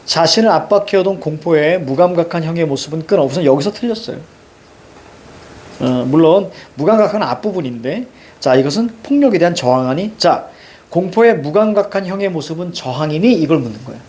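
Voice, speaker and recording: A man's voice: on the high side, expressive, brisk, a little mellow. A middle-aged male teacher explains a story to students, marking up the text and asking rhetorical questions. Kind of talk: literature lecture.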